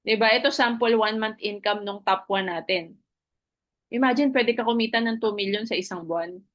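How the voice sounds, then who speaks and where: Woman, network marketing presenter, motivational recruitment pitch, mid-pitched voice, leans on tag questions, code-switches freely. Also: normal speed, a bit bright. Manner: keeps checking in with listeners through tag questions; switches freely between two languages mid-sentence. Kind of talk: motivational recruitment talk with a story.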